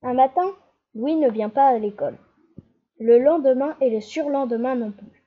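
Gentle woman narrating a children's story. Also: sits high, moderate pace. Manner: gentle, expressive reading. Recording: slightly dull lo-fi.

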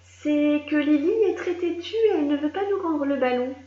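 Casting: woman playing a patient, pleading boy captain, lively pitch, echoey lo-fi. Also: moderate pace. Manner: earnest, explaining patiently. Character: young male animal team captain, earnest. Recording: echoey room, dull lo-fi sound.

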